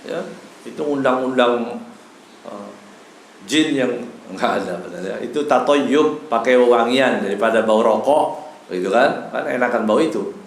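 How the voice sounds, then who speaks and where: A man's voice: medium pitch, normal speed, long pauses. A man giving a casual evening lecture in a mosque, teaching with Arabic phrases mixed in and acting out quoted voices with humor. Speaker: religious teacher. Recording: echoey hall, faint background noise.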